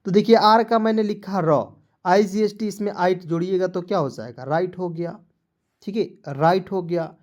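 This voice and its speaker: A man teaching an online lesson. He breaks words apart letter by letter and keeps checking with viewers whether it is clear. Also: sits high, normal speed, a little mellow. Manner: addresses viewers as friends, asks for likes. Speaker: English teacher.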